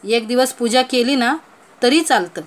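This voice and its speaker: A woman voicing a stern village mother who scolds children in loud, bossy rural speech. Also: on the high side, unhurried, natural voice. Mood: firm advice.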